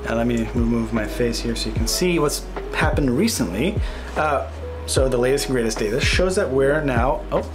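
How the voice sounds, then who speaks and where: A man's voice: medium pitch, expressive, normal speed, few pauses. Chatty man with music behind. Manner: chatty, thinking aloud with fillers and self-corrections. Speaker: real estate agent. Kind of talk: casual screen-share market update.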